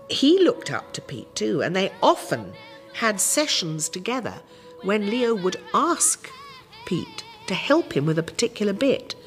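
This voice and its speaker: A woman giving a reflective interview as a fellow actor. She speaks slowly, her pitch rising and falling expressively, with faint music behind.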